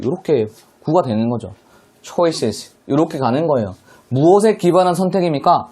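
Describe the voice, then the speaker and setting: Brief: male English teacher, fairly high voice, online lecture, asks questions as he explains. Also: darkish tone.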